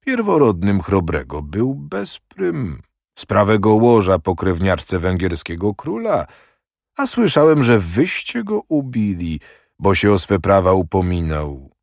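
A man doing a slow, cool old lord. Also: deep voice, wildly swooping pitch, creaky, no room sound, studio quality, full character voice. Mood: coolly evasive. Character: old, calm, evasive male voivode.

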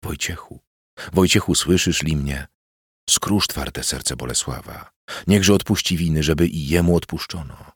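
A man's voice: very deep voice, unhurried, slightly rough, no room sound, clean studio sound, full character voice. A man voicing an anguished archbishop who pleads in muffled, earnest prayer, read as part of a storybook narration. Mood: pleading prayer.

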